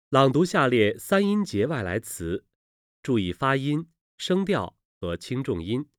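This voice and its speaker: A speaker reads pronunciation drills word by word at a very slow, measured pace. The intonation swings widely, so each item stands out clearly. The sound is dry and close, with no reverb. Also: mid-range voice. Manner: measured, precise drill reading. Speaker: language lesson reader. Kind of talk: slow, careful textbook reading.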